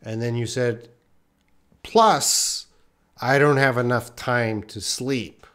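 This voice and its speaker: An English teacher in his thirties from Western Canada, with a light Canadian accent, patiently answers viewers' questions during a live lesson in a small indoor room by a whiteboard. He explains slowly with many pauses, his mid-range voice steady and fairly bright.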